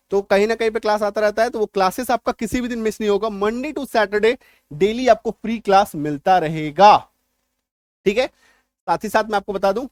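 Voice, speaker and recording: A man's voice: high voice, dry recording, clean studio sound. A man who is an English teacher, giving a spoken lesson on pronunciation. He spells words out letter by letter and keeps checking in with his students with little tag questions. He is still recovering from an illness. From India. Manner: explanatory, repeats "है ना" and "ठीक है" to check understanding; spells out letters slowly and stresses correct pronunciation.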